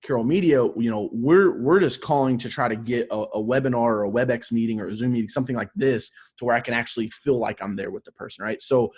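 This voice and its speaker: A husky-voiced man speaks as a sales coach in a casual interview. His pitch sits in the middle range, and he talks in an informal, emphatic way peppered with salty slang and buddy talk. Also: fast talker, hardly any pauses, darkish tone.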